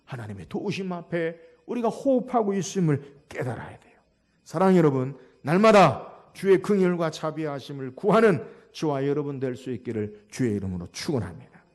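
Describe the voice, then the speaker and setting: A middle-aged male pastor preaches with emphatic, building exhortations. His voice sits high, and his pitch swings widely as he presses each point. He is a sermon voice through and through, urgent and insistent. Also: sing-song, brisk, darkish tone.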